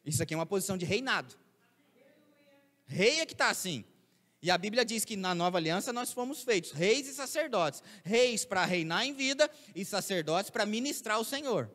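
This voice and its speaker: A man preaches to his congregation, his voice sitting high. He keeps the sermon conversational, throwing out rhetorical questions. The sound carries a long reverb from the church hall. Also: animated, normal speed, sharp tone. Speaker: pastor.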